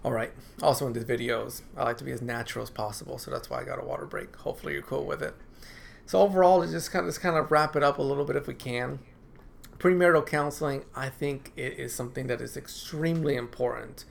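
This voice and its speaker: A counselor talks fast to camera from his office, his medium-pitched voice creaky and fairly even in intonation, with a little hiss or hum in the audio. His informal talk circles back on repeated phrases and frequent "right?"s as he clears a dry throat.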